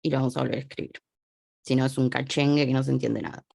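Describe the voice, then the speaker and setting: A woman's voice: a bass voice, fast talker, gravelly, husky, no room sound, studio quality. A woman with an Argentine accent teaching French phonetics in a chatty online lesson, drifting away from the mic as she writes at a small desk. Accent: Argentine Spanish. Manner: chatty, lively explaining, drifts away from the mic while writing. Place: small home study desk.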